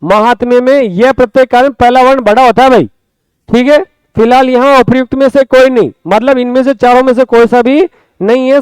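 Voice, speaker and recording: A man with a very high voice teaches a Hindi grammar lesson in a Rajasthani accent, spelling out words slowly and repeating them. His tone is smooth and resonant, recorded dry and close with no room sound. He keeps turning to his students with quick questions. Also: darkish tone, no room sound. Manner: often asks the class quick questions.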